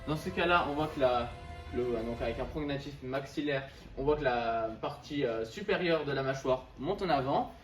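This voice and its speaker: A young man giving an informal explanatory presentation, halting and restarting his sentences. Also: medium pitch. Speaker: student presenter. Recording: echoey, distant mic, music behind.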